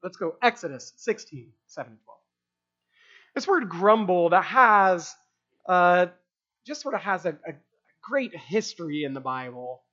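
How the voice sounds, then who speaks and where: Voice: medium pitch, big pitch swings, measured pace, sharp tone. A pastor giving a conversational sermon, reading scripture aloud and breaking off into informal asides. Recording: dull lo-fi recording.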